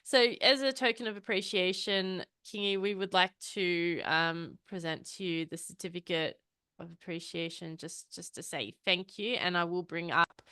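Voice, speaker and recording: A woman's voice: fairly low pitch, steady tone, moderate pace, sharp tone, clean tone, no echo, studio quality. A woman hosting a virtual workshop over a video call, friendly, with frequent ums. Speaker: workshop host.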